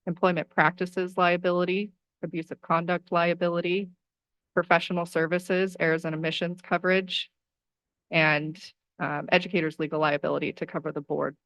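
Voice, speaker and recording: A woman's voice: on the low side, little pitch movement, normal speed, a bit bright, poor audio. Woman presenting insurance coverage. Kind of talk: formal presentation at a meeting.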